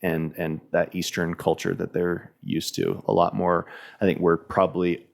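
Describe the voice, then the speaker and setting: A man's voice: low-pitched, little pitch movement, normal speed, creaky. A man speaking as a podcast guest in a loose, rambling way, restarting his sentences and leaning on fillers. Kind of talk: casual podcast chat.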